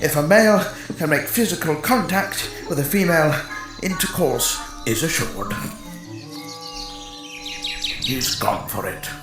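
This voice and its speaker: Animated mock nature documentary narrator, man. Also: a little high, echoey room. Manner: formal, measured, mock-serious. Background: music.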